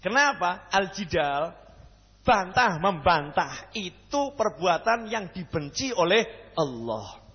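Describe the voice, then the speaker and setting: A man's voice: high voice, takes it slowly, husky, in a large hall, highs cut off. A man with a Javanese accent preaching a sermon, who keeps asking the crowd questions and joking. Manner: questions the crowd, jokey, lively. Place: mosque hall.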